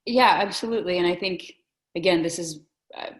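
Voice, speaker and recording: A woman's voice: on the low side, fairly quick, poor audio. A woman from the Soviet Union in a casual film discussion, talking thoughtfully and hedging her opinions. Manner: thoughtful, hedging, restarts often. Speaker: discussion guest.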